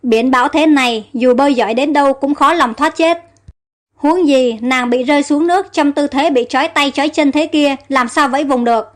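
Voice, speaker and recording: A woman's voice: high-pitched, normal speed, close to an everyday voice. A woman reading the lines of a commanding young prince in an audio story. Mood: urgent.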